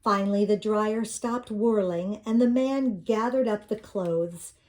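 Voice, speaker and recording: A woman's voice: mid-range voice, unhurried, darkish tone. An older woman reading a children's picture book aloud in a sweet, grandmotherly storytelling manner.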